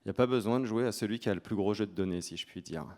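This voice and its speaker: A man's voice: fairly low pitch, racing, a little mellow. A man with a French accent giving an informal conference presentation in a colloquial, joking, self-deprecating manner. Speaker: conference speaker.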